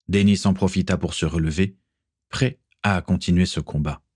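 Deep, husky male narrator. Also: fairly even intonation, normal speed, a little mellow, dry recording, studio quality. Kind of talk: audiobook reading.

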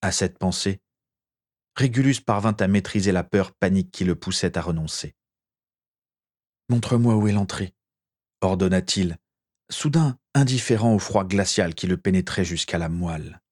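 A man reading a story aloud with measured, expressive narration. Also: low-pitched.

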